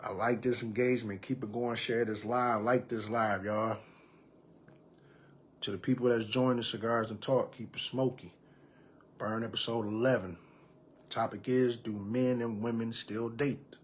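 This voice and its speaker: A man's voice: medium pitch, husky. A man in his thirties hosting a live podcast, talking casually and reading viewers' comments aloud. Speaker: podcast host. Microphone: computer or phone mic on a live stream.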